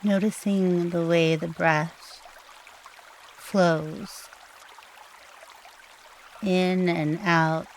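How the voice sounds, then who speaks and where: A woman leading a guided meditation in a soothing, unhurried way, leaving long pauses between short phrases. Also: on the low side, fairly even intonation, a little hiss or hum.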